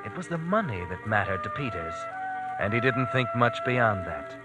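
A man's voice: mid-range voice, sing-song, natural voice, rough recording. A man as the Whistler, sinister radio narrator. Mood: grave, suspenseful. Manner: ominous, theatrical, deliberate. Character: the Whistler, sinister all-knowing male narrator of crime tales. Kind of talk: 1940s radio mystery narration. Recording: old radio recording with loud music. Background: loud dramatic music.

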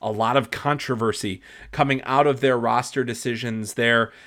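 Male podcast host, mid-pitched, nasally stuffed up from a cold, chatty and loose. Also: steady tone, moderate pace, a bit bright. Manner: chatty, rambling with fillers. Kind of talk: solo podcast monologue.

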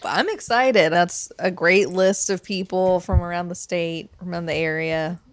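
Woman, playful podcast host, lowish voice. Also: a little slow. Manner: lively, playful. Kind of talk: casual podcast chat.

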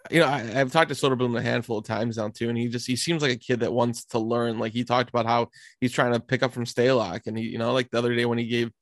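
A man co-hosting a casual hockey podcast, talking in halting runs with many restarts. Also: mid-range voice, little pitch movement, no room sound. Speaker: hockey reporter and podcast co-host. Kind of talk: casual sports chat.

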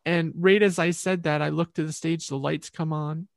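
A woman guest telling an animated personal story in an interview over a video call, acting out the voices of people in it. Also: sits low, moderate pace, vocal fry, dry recording. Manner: expressive, acts out quoted voices.

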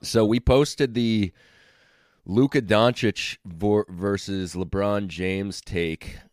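Deep, froggy hoarse man hosting casually. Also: takes it slowly, dry recording, clean studio sound. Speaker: podcast host. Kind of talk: casual podcast chat.

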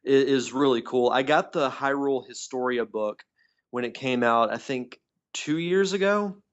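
A man's voice: mid-range voice, moderate pace. A man co-hosting a podcast in casual, enthusiastic chat, heard through a tinny, metallic-sounding phone line. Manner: enthusiastic, rambling fan talk. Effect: tinny, metallic tin-can phone-line sound. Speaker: podcast co-host. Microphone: phone call.

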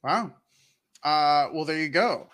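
Man, high pitch, podcast co-host, casual chat, enthusiastic. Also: expressive, takes it slowly, a bit bright. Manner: enthusiastic, gushing.

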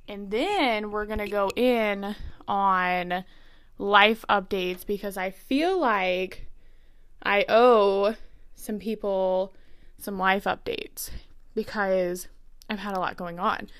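A woman's voice: mid-range voice, takes it slowly, fairly bright tone. A young woman hosting her own podcast in casual chat, bubbly and chatty, a little out of breath. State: slightly out of breath. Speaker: podcast host.

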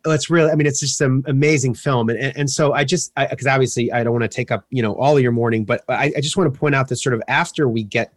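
A man's voice: medium pitch, fast talker, few pauses, no room sound. A man hosting an interview in a casual, enthusiastic way, often stumbling and restarting his sentences. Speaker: podcast host interviewer.

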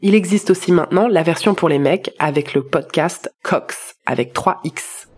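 A woman's voice: on the low side, moderate pace, a little mellow, slightly rough. A woman hosting a podcast review, delivering scripted narration with personal commentary.

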